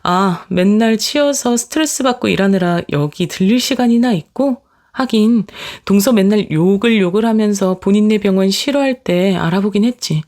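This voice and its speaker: A woman narrating a dramatized family story in the first person, talking in a sharp, cutting, sarcastic way. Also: mid-range voice, normal speed.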